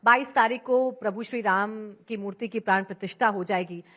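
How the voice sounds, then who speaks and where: A woman's voice: medium pitch, a little fast, fairly bright tone. A woman interviewer asking a politician direct, pointed questions.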